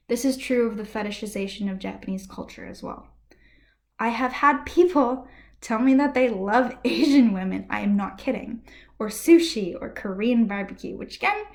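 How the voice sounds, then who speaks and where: An American woman vlogs to camera from a room in her home, her voice slightly high. She delivers impassioned personal commentary in an earnest, ranty style, slipping now and then into soft, breathy asides.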